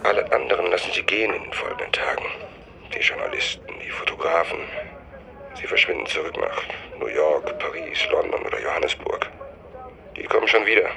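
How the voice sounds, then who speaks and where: The lead actor and first-person narrator of a literary radio drama, a man, plays an obsessed, self-deluding writer with music underneath. His low, creaky voice swings widely in pitch and is brisk and exaggerated, brooding and grave. The audio is poor, with crowd noise.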